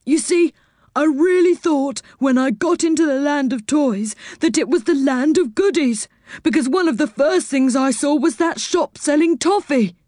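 A high, apologetic storybook tinker, put on by a woman reader, rambling sadly about his pots and pans. The voice sits well above a normal speaking pitch and sounds set apart from the narration. It is recorded close and dry. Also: normal speed, dark tone, dry recording, natural voice. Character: sorry, simple-hearted male tinker figure.

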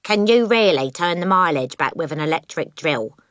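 A woman's voice: fairly low pitch, lively intonation, normal speed, no echo, clean studio sound, close to an everyday voice. A woman as a curious, eager young boy. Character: eager, admiring young boy, the dealer's son.

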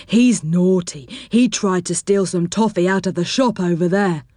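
A woman's voice: lowish voice, normal speed, mellow, no room sound, natural voice. A storybook teddy bear who tells on others, plain and matter-of-fact, read aloud by a woman. Dry, close sound. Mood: blunt. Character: blunt tattling toy teddy bear.

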